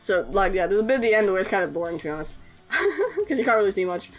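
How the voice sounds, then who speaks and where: With a mid-range voice that swings widely in pitch, a young YouTuber who makes art and animation talks fast in a casual voice-over for her edit. Soft music sits underneath, and she's hesitant, filling gaps with ums and awkward little laughs.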